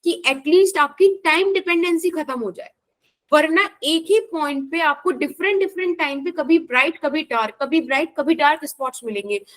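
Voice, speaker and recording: A woman's voice: high voice, moderate pace, a bit bright. An Indian woman teaching a physics class, explaining patiently and checking in with students by name. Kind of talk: live online class.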